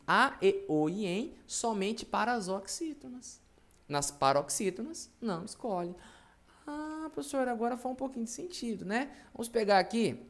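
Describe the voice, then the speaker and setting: A man teaching a grammar class, who asks his own questions, answers them, and drops jokes along the way. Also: high-pitched. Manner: jokey, playful asides. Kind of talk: recorded online class lecture.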